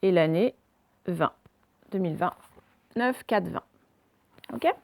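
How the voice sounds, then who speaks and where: A woman teaching a recorded phonics lesson to young pupils, slowly and carefully pronouncing example words. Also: lowish voice, lively intonation, vocal fry, no echo. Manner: slow, carefully articulated words for dictation. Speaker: primary school teacher.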